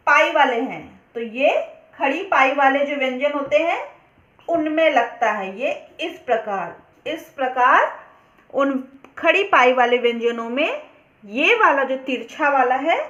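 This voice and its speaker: A woman teacher explaining a grammar lesson step by step, slowly working through examples. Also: sits high, a bit bright. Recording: echoey, dull lo-fi room recording.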